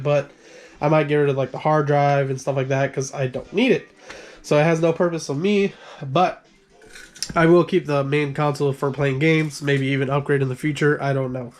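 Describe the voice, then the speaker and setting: A man's voice: fairly high pitch, fairly even intonation, normal speed. A man giving a casual tour of his gaming room, rambling and correcting himself as he goes, coughing now and then and short of breath. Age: adult with a son. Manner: rambling, self-correcting, apologetic. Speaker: gaming channel creator.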